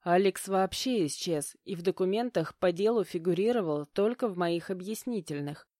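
A woman narrating a first-person audiobook with a steady, measured reading. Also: on the low side, dry recording, clean studio sound.

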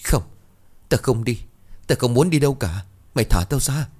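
A man's voice: mid-range voice, animated, moderate pace, a little mellow, breathy edge, pitched above the performer's own voice. A man voicing a terrified, cowardly young man who stammers and pleads, trembling, in a narrated horror story. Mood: frightened.

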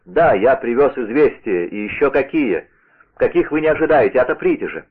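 A man's voice: mid-range voice, lively intonation, normal speed, breathy edge, phone-quality sound. A man reading the lines of a bold, impatient Gascon musketeer in a brusque, self-assured way.

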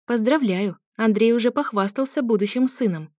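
Female reader doing an excitable young expectant mother, lively. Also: on the high side, moderate pace, dry recording, clean studio sound, voice pushed up, natural voice. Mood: cheerful. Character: chatty, pregnant young woman, cheerful and excitable.

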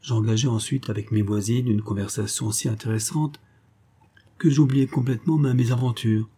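A man reading a classic comic story aloud as narrator, lifting his pitch for the quoted characters. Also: fairly even intonation, normal speed, warm tone, breathy edge.

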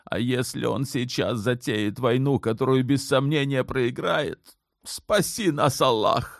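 A man's voice: medium pitch, creaky, no room sound, studio quality, pitched above the performer's own voice. A man playing a stern aging sultana mother. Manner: firm, measured, clipped when pressed. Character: older woman, sultan's mother, stern and commanding. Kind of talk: audiobook character voice.

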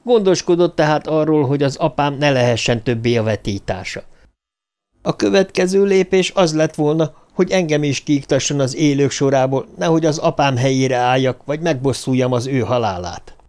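A man's voice: fairly high pitch, darkish tone, natural voice. A male audiobook reader voicing a defiant young man who accuses his enemy in a raised, heated voice. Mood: heated accusing.

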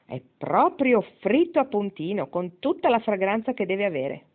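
A woman's voice: medium pitch, big pitch swings, moderate pace, pitched above the performer's own voice. A woman reading the part of a wry, spirited old grandmother near the end of her life, in a satirical tone. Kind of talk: audiobook reading. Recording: tinny phone-like sound.

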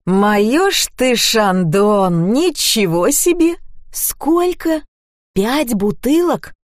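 A woman's voice: fairly high pitch, sing-song, very slow, no echo, clean studio sound, pitched above the performer's own voice, full character voice. A woman voicing a grown man who makes wry, amused remarks.

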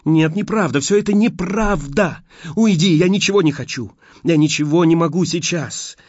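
A terrified young woman cries out and begs in high, straining tones, as a man puts her on. Her pitch swings widely with desperation. The recording is dull and dry. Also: animated, slow pace, husky, no room sound, heavily acted. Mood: desperate.

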